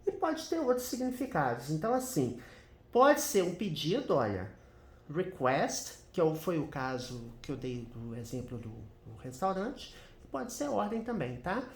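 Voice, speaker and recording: A Brazilian man walks viewers through an English grammar lesson in a chatty teaching voice. His pitch swings up and down, and he keeps checking in with them as he goes. The recording has a noticeable roomy echo. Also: sing-song, measured pace. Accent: Brazilian Portuguese. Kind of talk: screen-share grammar lesson.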